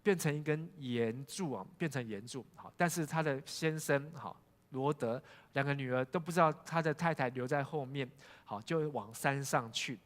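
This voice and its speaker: A man's voice: medium pitch, normal speed. A male pastor preaching a sermon, telling a Bible story and asking the congregation questions. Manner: storytelling, asks the congregation questions, frequent "hao" fillers. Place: church sanctuary. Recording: long church hall reverb.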